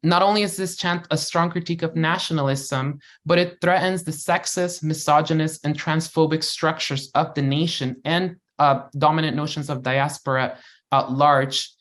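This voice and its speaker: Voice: mid-range voice, fairly even intonation, fairly bright tone. Speaker reading a formal academic paper. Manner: measured, formal delivery. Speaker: panel speaker. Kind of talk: reading a prepared academic talk.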